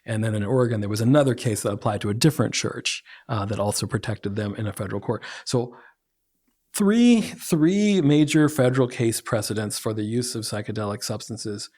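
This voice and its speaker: A man's voice: lowish voice, animated, fairly quick, darkish tone. A man from Oklahoma explaining at length in a podcast conversation, building to emphatic points.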